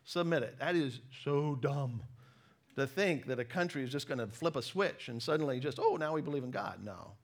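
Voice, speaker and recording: A middle-aged American preacher and former missionary delivers a sermon woven with personal stories, using a mid-range voice. He is conversational, self-deprecating, and emphatic, pausing deliberately between phrases.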